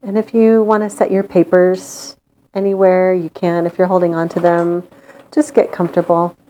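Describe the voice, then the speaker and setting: A woman leading a guided meditation in a calm, gentle, soothing manner with long pauses. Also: fairly low pitch, slight background noise.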